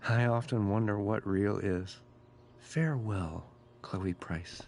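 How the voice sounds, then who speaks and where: Slow, cryptic philosophical groundskeeper. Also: male voice, on the low side, vocal fry, darkish tone, a little hiss or hum. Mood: solemn, musing. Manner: measured, solemn, riddling. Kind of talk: video game dialogue.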